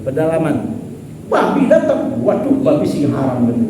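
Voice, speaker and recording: A man's voice: a little high, huge pitch swings, moderate pace, very noisy. A man teaching a mosque study class, telling jokey stories and asking the congregation rhetorical questions. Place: mosque prayer hall. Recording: echoey mosque hall from far off.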